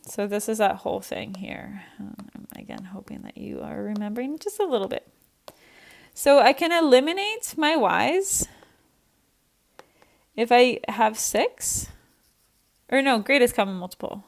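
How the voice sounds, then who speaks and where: Chatty young woman teaching math, gravelly edge. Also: fairly high pitch, sing-song, a little slow, pauses often. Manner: chatty and self-deprecating, thinking aloud. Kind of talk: recorded online math lesson.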